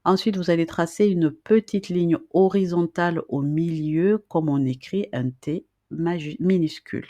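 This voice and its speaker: A reading and writing teacher gives a slow, patient lesson to beginners, repeating each question and checking in with the listener. Her lowish, mellow voice moves at a measured pace with few pauses, and there is no room sound.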